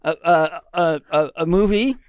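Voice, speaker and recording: A man's voice: a little high, a little slow, clear, resonant tone, no room sound, clean studio sound. A man chatting as a podcast guest about his upcoming film, talking hesitantly with many ums and restarts. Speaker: guest filmmaker. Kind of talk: casual podcast chat. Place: podcast studio.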